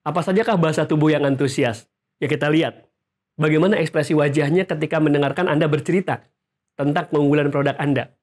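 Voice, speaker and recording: A male sales trainer speaks in a lively, coaching way, addressing viewers directly. His voice sits somewhat above the usual male range. He lists the points and checks in with the listeners as he goes. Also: a little high, fast talker. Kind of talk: instructional video talk to camera.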